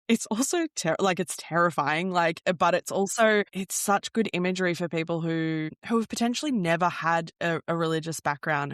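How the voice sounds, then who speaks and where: A host speaking at a middle pitch into a dry, close microphone. The talk is loose and chatty, full of false starts and restarted phrases. The host asks broad, open questions in a relaxed interview. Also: no echo. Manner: chatty, restarts sentences, casual swearing. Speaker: podcast host. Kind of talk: casual interview chat.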